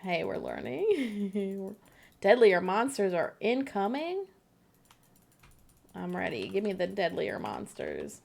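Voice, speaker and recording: A bubbly woman livestreaming a co-op game, chatting and giggling with her partner. Her middling voice carries a gravelly, creaky edge. Keyboard typing clicks behind her. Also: mid-range voice, huge pitch swings, slow, long pauses, darkish tone. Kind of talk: casual gameplay chat.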